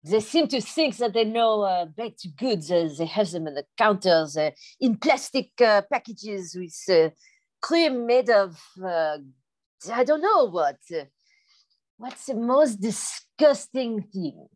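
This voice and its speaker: A woman's voice: mid-range voice, lively intonation, slow, darkish tone. A woman playing a haughty French pastry maker in an improvised comedy sketch, hesitating with many fillers.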